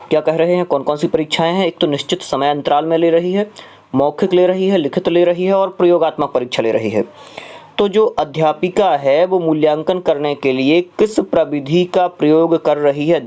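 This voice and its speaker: A man teaching an exam prep lesson. He explains step by step, repeats each question and pauses on filler sounds between phrases. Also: a little high, darkish tone.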